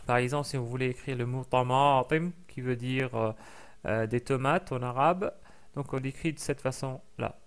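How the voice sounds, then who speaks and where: A man teaching a recorded language lesson, explaining patiently with many fillers and repeating example sounds slowly. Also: medium pitch, fairly even intonation, clear, resonant tone.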